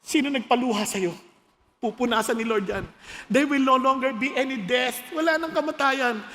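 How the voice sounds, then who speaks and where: Filipino pastor in his 50s, very high voice, lively joking sermon, long hall reverb. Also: moderate pace, slight background noise. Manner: animated, joking, switching between Tagalog and English.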